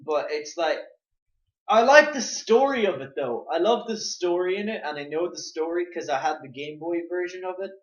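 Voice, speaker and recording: A man's voice: expressive, moderate pace. Rambling young man, echoey lo-fi room. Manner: rambling, lots of "like", jumps up and down in pitch. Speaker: podcast co-host. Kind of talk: casual chat. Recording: echoey room, muffled lo-fi mic.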